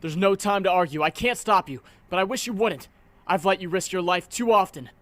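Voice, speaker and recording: A man's voice: high voice, brisk, fairly bright tone. A man voicing an earnest, lovestruck young superhero, torn about who he is, in a dramatic comic dub. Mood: urgent. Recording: music behind the voice.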